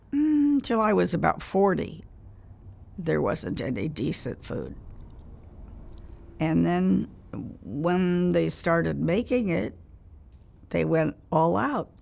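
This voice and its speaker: A very old woman in her nineties reminiscing in a casual interview, speaking haltingly in short phrases with pauses mid-sentence. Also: deep voice, darkish tone. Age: 90s. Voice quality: very old woman's gravelly, creaky voice.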